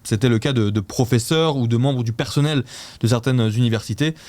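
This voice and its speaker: A man's voice: medium pitch, fairly quick, darkish tone, no echo. A man hosting a weekly news show, recapping the news casually and running a quiz, hesitant and self-mocking with frequent restarts.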